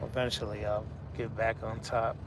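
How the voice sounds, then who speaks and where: Male, 40s, livestream host. Easygoing, flat delivery, light vehicle noise behind. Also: on the low side, moderate pace. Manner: laid-back, talks to chat viewers by name. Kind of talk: casual live chat.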